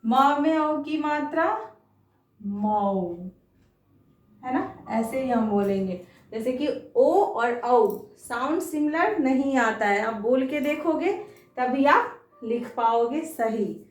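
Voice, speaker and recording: A woman's voice: high voice, slow, roomy sound, recorded from a distance. A woman teaching a children's lesson on Hindi vowel signs, patient, stretching syllables out and asking frequent questions.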